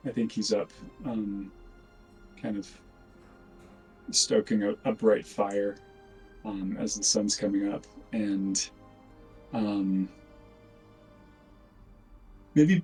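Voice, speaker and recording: Male player, very husky low voice, hesitant thinking-aloud delivery. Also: rough recording. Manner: hesitant, thinking aloud with many ums and restarts. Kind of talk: casual tabletop game chat.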